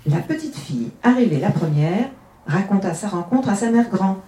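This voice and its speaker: A woman's voice: medium pitch, expressive, normal speed, mellow. Woman reading a tale in an echoey room. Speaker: reader. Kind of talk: reading a literary tale aloud, then commenting.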